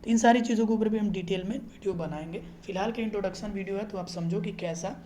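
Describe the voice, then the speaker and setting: A man's voice: high voice, fast talker, mellow, echoey room, a little hiss or hum. A man hosting a casual explainer video, talking the viewer through an app and often checking that they follow. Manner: chatty, keeps checking in with the viewer. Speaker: channel host explaining a trading app. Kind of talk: casual screen-recorded explainer.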